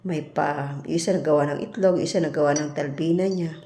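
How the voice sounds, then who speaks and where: A woman from the Philippines tells a story in a casual vlog, bluntly acting out the quarrels she quotes. Her voice sits fairly low and sounds mellow and dark. The sound is roomy, with echo off the walls. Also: fairly quick, slight background noise. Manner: blunt, animated retelling with quoted exchanges. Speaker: vlogger, domestic worker abroad. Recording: echoey room.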